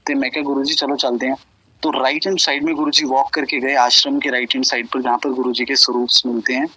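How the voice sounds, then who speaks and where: A man's voice: medium pitch, level tone, quick pace, sharp tone, breathy edge, no room sound, low-quality recording. A man telling devotional stories to a gathering in an earnest, flowing way, often quoting others in Punjabi-tinged speech. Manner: earnest retelling, mixing Punjabi and Hindi quotes. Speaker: satsang speaker sharing devotee stories.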